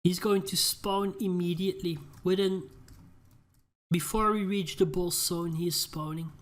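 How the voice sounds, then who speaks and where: A man's voice: sits high, fairly even intonation, a little slow. A young man giving casual gameplay commentary, rambling into ranting asides. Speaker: gaming channel host.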